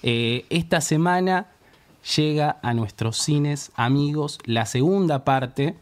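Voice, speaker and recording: A man's voice: a little high, slow. Playful, drawling male radio host. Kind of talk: casual chat show banter.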